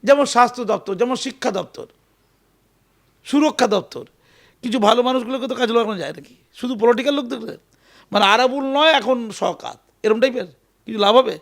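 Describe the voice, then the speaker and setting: A man giving an animated, emphatic political interview, often repeating his phrases. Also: extremely high pitch, fast talker, gravelly. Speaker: interview guest.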